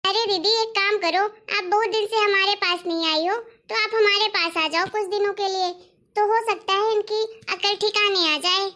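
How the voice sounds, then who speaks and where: A kindly sister-in-law, voiced by a woman in a cartoon story who gently offers advice. The voice is very high. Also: steady tone, normal speed. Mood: advising. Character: caring sister-in-law on phone, sympathetic. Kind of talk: cartoon voice acting.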